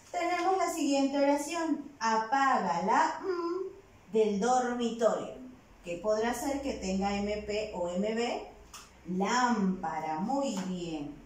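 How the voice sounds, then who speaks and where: Woman, primary teacher, patient dictation, very slow, higher voice, echoey room, distant mic. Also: a little hiss or hum. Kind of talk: virtual class dictation.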